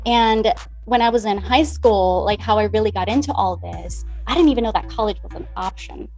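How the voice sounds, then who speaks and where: A woman's voice: medium pitch, a little fast, darkish tone, faint music behind. A woman from the Dominican Republic, a money mindset coach, chatting as a guest in an interview, upbeat and talkative. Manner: upbeat, talkative, acts out past conversations. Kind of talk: conversational interview.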